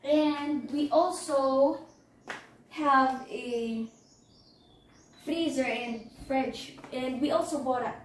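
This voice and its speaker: A female vlogger from the Philippines with a high-pitched, slightly hoarse voice clears her throat as she gives a house tour, moving across the patio and indoors. Her casual narration is unhurried, halting and chatty, repeating phrases. The mic sits far off, leaving a roomy echo and background noise.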